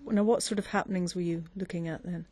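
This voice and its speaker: A woman interviewing a guest, asking probing questions in a halting way. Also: fairly low pitch, fairly even intonation, mellow, breathy edge, no echo.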